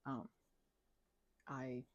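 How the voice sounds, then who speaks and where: A young woman who runs an ASMR channel rambles casually and very slowly, close to the mic. She mumbles and hesitates as her thoughts drift. The audio is dull, with no echo.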